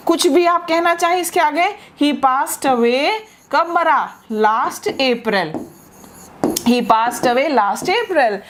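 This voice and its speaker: A woman teaching a spoken English lesson. She says her model phrases slowly and spells words out, then explains quickly, and she often checks that the class is following. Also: high-pitched.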